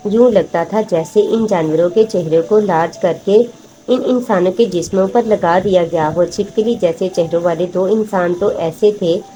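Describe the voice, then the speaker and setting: A woman reading a horror story aloud in a steady, measured storytelling manner. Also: mid-range voice. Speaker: narrator. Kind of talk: scripted horror story narration. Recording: faint music behind.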